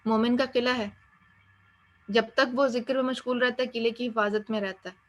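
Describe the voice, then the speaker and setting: A woman's voice: on the high side, steady tone, highs cut off. A woman giving an encouraging Islamic course lecture, slipping English phrases into her talk. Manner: gentle, encouraging, mixes English into Urdu. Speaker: Islamic studies teacher.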